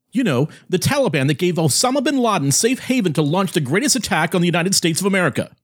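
A male host delivering indignant, accusing opinion commentary, slowing down to hammer his points. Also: on the high side. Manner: indignant, accusing, slows to punctuate.

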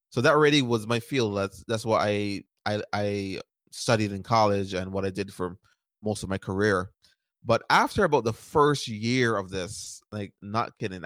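A Barbadian startup founder in his thirties guests on an interview show, giving conversational answers in a low voice. Relaxed, he rambles easily, repeating words and using many fillers. The recording is dry and close, with no echo.

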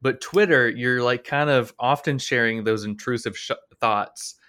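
A man hosting a podcast in a casual chat, agreeable and quick to laugh along. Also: mid-range voice, pushed and bright. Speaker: podcast host.

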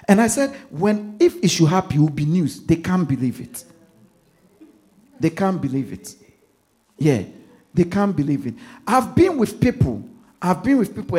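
Ghanaian pastor guy preaching, kinda high voice, goes up and down a lot, repeats stuff, quiet then loud. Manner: preaching with repetition, swinging from hushed asides to loud emphasis. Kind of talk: sermon.

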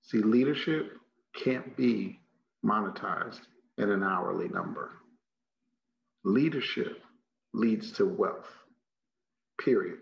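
A man's voice: on the low side, slow pace, gravelly, pauses often. A man with a Texas accent giving a motivational leadership training talk in an emphatic, folksy manner, repeating phrases for effect. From Texas, United States. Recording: muffled, echoey room recording.

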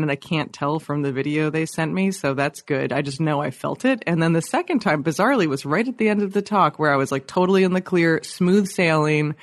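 Science journalist guy being interviewed, kinda high voice, animated, says like a lot. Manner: animated storyteller, many "like" fillers. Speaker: guest, science journalist and author. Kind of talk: casual interview conversation.

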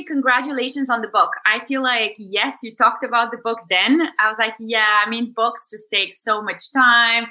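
A Bulgarian woman in her thirties, a coach, talks through her story as a guest in a podcast interview conversation. Her voice is a little high, bright and forceful, and she reflects with many fillers and restarts.

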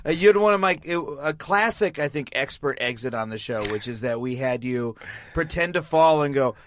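Animated high-energy male podcast host. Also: a little hiss or hum. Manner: animated, rapid, playful enthusiasm. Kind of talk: excitable podcast intro and interview.

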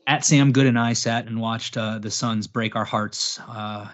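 A man in his thirties hosting a podcast in casual chat, rambling and self-mocking, often speeding up as he gets animated. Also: on the low side, a little slow. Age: 30s. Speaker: podcast host. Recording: dull lo-fi podcast audio.

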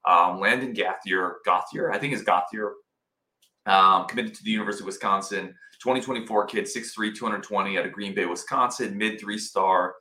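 Bright-voiced man podcasting from a roomy wooden cabin. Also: lowish voice, a little fast. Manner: enthusiastic, informal. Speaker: sports podcast host. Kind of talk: casual sports commentary to live viewers. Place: indoors in a cabin. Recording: roomy indoor cabin echo.

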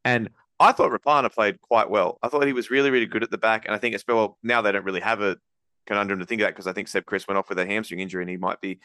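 A man hosting a casual sports podcast, breaking down games in a rapid, rambling analytical way with many restarts. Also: lowish voice, fairly even intonation, bright, forceful tone, clear, resonant tone, dry recording, studio quality. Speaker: podcast host.

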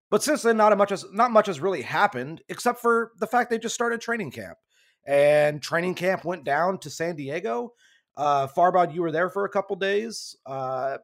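Rambling male podcast host, slightly high. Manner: rambling, conversational, self-correcting. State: losing his voice. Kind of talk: casual sports podcast chat.

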